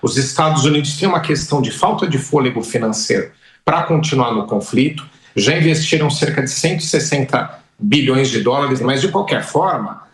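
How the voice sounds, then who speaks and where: A man's voice: medium pitch, animated, brisk. Brazilian male professor in a roomy space. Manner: explanatory, with restarts and self-corrections. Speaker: international relations professor. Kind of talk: news interview answer.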